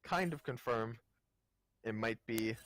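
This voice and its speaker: A man's voice: medium pitch, takes it slowly, a bit bright, no echo. Man whose call voice keeps cutting out. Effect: voice cutting in and out over an online call. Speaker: esports co-caster. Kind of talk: live game commentary.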